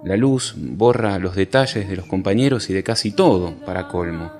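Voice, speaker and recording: A man's voice: deep voice, animated, moderate pace. A man narrating a poetic story in a dreamy, wondering way. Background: soft cello music.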